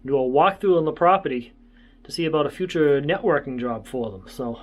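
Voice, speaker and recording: A man's voice: fairly high pitch, fairly quick. A man chatting casually to viewers as a travel vlogger, rambling along in an easygoing way. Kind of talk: casual vlog chat.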